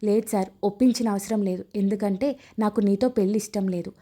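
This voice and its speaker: A composed young woman doctor from a spoken storybook romance, read by a woman narrator. She answers firmly and politely in a mellow, even voice. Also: medium pitch, a little fast, lightly acted. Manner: firm, polite.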